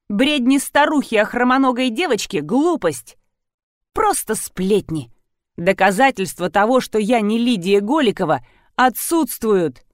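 A woman's voice: a little high, no room sound, clean studio sound, pitched above the performer's own voice. A woman voicing a cold, defiant middle-aged woman who refuses to answer questions in an audiobook. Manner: indignant, curt. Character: haughty cold woman, defiant clinic owner.

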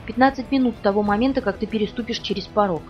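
A woman's voice: medium pitch, rapid-fire, close to an everyday voice. A woman reading an audiobook, voicing a tense young man who protects and commands with clipped, insistent orders. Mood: urgent. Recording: dull distant audio with music behind.

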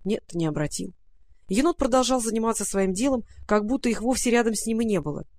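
A storyteller reading a children's fairy tale in a gentle, measured way. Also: medium pitch, expressive, no echo, clean studio sound. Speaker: narrator. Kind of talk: scripted storybook narration.

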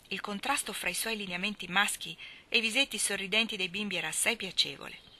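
A woman with a mid-range voice reads a classic novel aloud, telling the story in a measured, expressive way.

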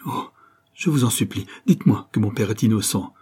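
A man's voice: medium pitch, moderate pace, warm tone, husky, natural voice. A man voicing a distraught young woman, a grieving banker's daughter, in a pleading, emphatic audiobook reading.

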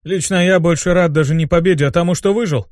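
A man's voice: mid-range voice, fast, a little mellow, dry recording, studio quality, lightly acted. Man doing a boastful young demon soldier. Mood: relieved. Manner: boastful exclaiming.

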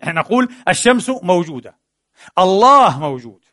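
A man's voice: sits high, sing-song, fairly quick, pushed and bright, dry recording, studio quality. A man giving a philosophy lecture, asking questions and answering them himself, mixing formal with colloquial words. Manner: asks and answers his own questions.

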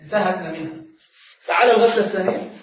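A sheikh with a very high voice lectures at a brisk clip, putting questions to his class and then answering them. He is picked up from a distance in a very echoey room. The sound is dull and lo-fi, with faint noise underneath.

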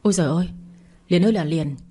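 A woman's voice: lowish voice, quick pace, dark tone, husky. A woman voicing an angry older mother-in-law who wails and scolds, read in a storybook telling. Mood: outraged. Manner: wailing, scolding.

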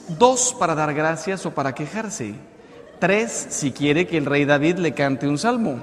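A man playing a formal automated phone menu for heaven, in an official announcement manner, with echoey hall reverb. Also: a little high.

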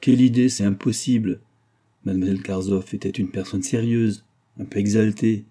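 A playful, knowing young woman who loves to tease her friend with gossip, as a male reader puts her on. The voice sits higher than the reader's own, dark and husky underneath, in a storybook reading. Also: fairly even intonation, moderate pace. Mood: teasing. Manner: raised pitch for young woman.

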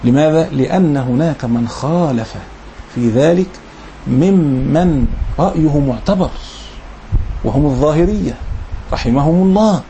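A man's voice: fairly high pitch, warm tone, a little hiss or hum. A man with an Egyptian accent teaching a religious lesson. He reads formal passages, then explains them in colloquial asides and repeats key phrases. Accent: Egyptian Arabic. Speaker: Islamic lecturer.

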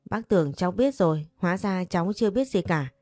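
A woman's voice: lowish voice, animated, a little fast, a little mellow, dry recording, clean studio sound. A woman voicing a concerned older neighbor who breaks bad news in a plain, chatty way.

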